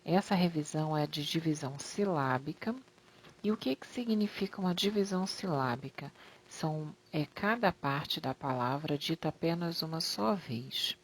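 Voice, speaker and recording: Low-voiced woman teaching a grammar lesson. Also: slight background noise. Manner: explains slowly, stretching example words; affectionate toward pupils. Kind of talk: slide-based grammar lesson.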